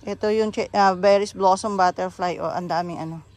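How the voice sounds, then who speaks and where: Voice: mid-range voice, fairly even intonation, fairly quick. A chatty plant seller, walking through a garden and pointing out plants one by one. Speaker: bougainvillea seller giving a garden tour. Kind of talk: casual garden walkthrough vlog.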